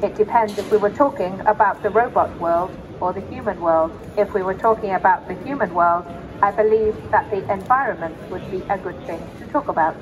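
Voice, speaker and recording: A synthetic female humanoid robot voice answering questions in formal, measured sentences without contractions. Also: medium pitch, noisy background. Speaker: interviewee. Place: busy tech expo hall. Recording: loud crowd and music behind.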